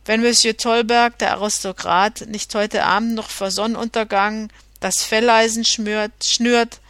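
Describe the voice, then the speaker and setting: A woman's voice: a little high, fairly even intonation, unhurried, dry recording. A woman voicing a half-drunk, scheming male journeyman revolutionary, mocking and threatening, in an audiobook reading. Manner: mocking and threatening, loud outbursts.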